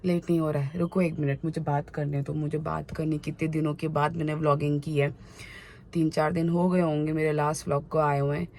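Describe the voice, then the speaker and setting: Frank, mellow-voiced vlogger woman, unwell. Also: low voice, flat delivery, brisk, slight background noise. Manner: frank, chatty, talks openly. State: unwell, feeling poorly. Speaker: family vlogger. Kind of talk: casual vlog chat.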